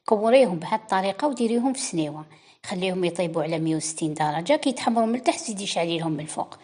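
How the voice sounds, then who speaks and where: A cooking channel host with an Algerian Arabic accent voices a chatty, step-by-step baking tutorial, speaking directly to her viewers. Her voice is lowish and darkish in tone, animated and racing as she instructs.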